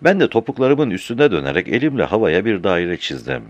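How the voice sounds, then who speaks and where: A man with a low, mellow voice narrates a story, his pitch rising and falling in lively swings. He reads expressively, shifting tone for each character. The sound is dry and close. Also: brisk, no room sound, lo-fi sound. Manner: animated, varying voice for each character.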